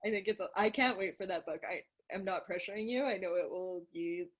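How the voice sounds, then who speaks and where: A woman hosting a casual video call conversation as a coach, encouraging and quick to laugh. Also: mid-range voice. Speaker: podcast host and coach.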